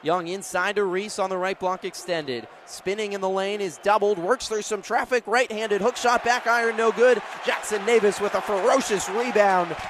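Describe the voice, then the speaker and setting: An American man with a high voice and a steady tone announces a basketball game live on the radio, moving at a moderate pace with hardly any pauses and using clipped, descriptive phrases. He's courtside in a large indoor arena, where the crowd, faint arena noise, and a bouncing ball can be heard.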